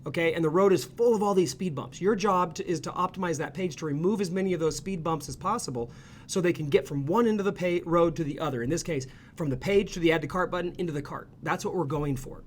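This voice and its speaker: With a fairly high pitch and a brisk delivery, a male ecommerce consultant chats his way through a screen-share tutorial. He stays lively, asking "right?" or "okay?" after each step, while faint noise lingers in the background.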